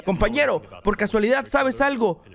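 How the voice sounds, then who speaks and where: The voice is very high and gravelly, carried by a young man. He gives excitable let's play commentary and talks to his viewers the whole time. Soft music plays underneath. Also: moderate pace. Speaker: gaming channel host.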